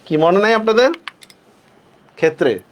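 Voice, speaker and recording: A man teaching a class, who slows down to stress each rule and keeps asking his students whether they follow. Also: sits high, animated. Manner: asks students frequent check-questions; stretches words slowly when stressing rules. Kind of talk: online class lecture.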